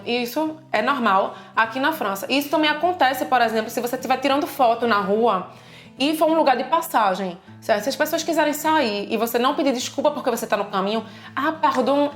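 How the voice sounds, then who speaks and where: A Brazilian woman with a Brazilian Portuguese accent, explaining customs in a casual video lesson with lively examples. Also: high-pitched, quick pace. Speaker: language teacher and co-host. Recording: echoey room with faint music.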